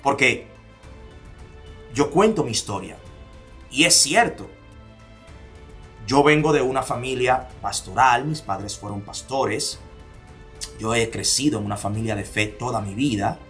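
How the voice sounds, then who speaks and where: A motivational speaker, a man with a Dominican accent, hammers his listeners with one rhetorical question after another. His voice sits at an ordinary pitch, and he swings from forceful lines down to hushed ones. Light music plays quietly beneath him. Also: a little slow, long pauses. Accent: Dominican Spanish. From Dominican Republic. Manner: emphatic, fires repeated rhetorical questions, drops to near-whispers for stress. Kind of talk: motivational talk.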